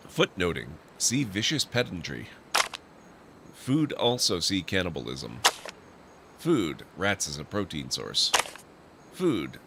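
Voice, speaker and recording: Very deep-voiced male game streamer. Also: creaky, heavy background noise. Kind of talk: playthrough commentary, reading game text aloud.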